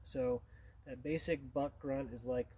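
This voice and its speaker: A man's voice: mid-range voice, steady tone, measured pace, mellow, slightly rough. A man gives an informal tutorial as a hunting instructor, in a plain-spoken, conversational way.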